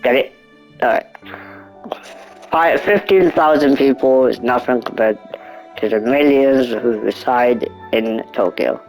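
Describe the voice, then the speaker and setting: A man's voice: mid-range voice, a little slow, pauses often, soft background music, rough recording. A nineteen-year-old man reading a visual novel aloud, stumbling over words and breaking off for joking asides. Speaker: gaming YouTuber.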